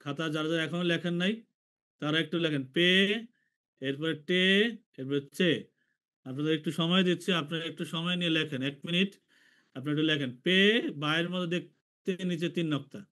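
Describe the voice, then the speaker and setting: A man from Bangladesh teaching an online language class, slowly repeating each letter for his students. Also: on the high side, fairly even intonation, a bit bright. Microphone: video call.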